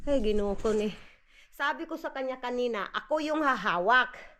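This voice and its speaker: A woman's voice: a little high, normal speed, a bit bright. A Filipino mother with a Visayan accent, chatting casually on a home vlog and cooing to her baby. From Philippines. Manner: chatty, mixes languages, coos at the baby. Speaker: vlogger and mother. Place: family home indoors.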